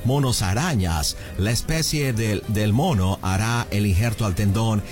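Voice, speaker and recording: Man acting a halting doctor, low-voiced. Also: darkish tone, faint music behind, lightly acted. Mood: earnest, explanatory. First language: English. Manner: halting, slips into English words. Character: male doctor earnestly explaining an absurd surgery in halting Spanish. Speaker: prank caller. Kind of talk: improvised prank phone call.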